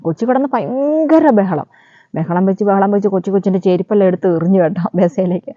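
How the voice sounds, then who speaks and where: This is a woman vlogger casually recounting a story, chatty and quick, with a medium-pitched voice and a friendly "you know" added here and there. The dull, lo-fi recording is dry with no echo.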